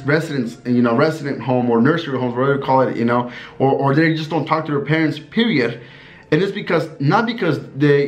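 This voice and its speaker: A man in his thirties from the USA, talking casually to camera in a rambling, earnest way, full of fillers and laughing as he recalls stories. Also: mid-range voice. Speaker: vlogger.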